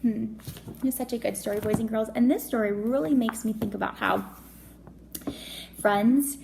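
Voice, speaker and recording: In an echoey room with a little noise, a woman with a creaky, fairly high voice reads a story aloud at a moderate pace. As a teacher for young children, she performs it expressively, pausing for chatty remarks and questions aimed at the kids.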